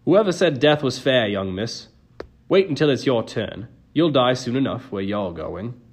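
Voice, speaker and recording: A man voicing a greedy, grumbling male ferryman of the dead in an audiobook reading, gruff and self-pitying. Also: medium pitch, animated, unhurried. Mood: mocking.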